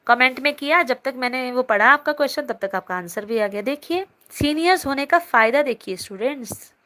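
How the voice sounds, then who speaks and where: A woman's voice: sits high, lively intonation, fairly quick, sharp tone. A young woman teacher holding a live online class from her phone, reading students' chat comments aloud and answering them in a chatty, teasing way.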